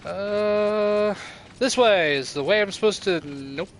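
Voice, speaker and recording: A young man with a high, light voice chats loosely over his gameplay. He is irreverent and swears offhandedly. A faint hiss sits under his voice. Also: takes it slowly. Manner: chatty, irreverent, swears casually. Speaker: let's play streamer. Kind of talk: casual gameplay commentary.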